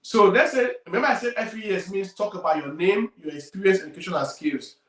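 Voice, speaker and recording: A man's voice: high voice, fast talker. Emphatic Nigerian man, roomy distant sound. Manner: emphatic, repeats key points, loudness swings widely. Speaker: career coach. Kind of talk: career advice talk.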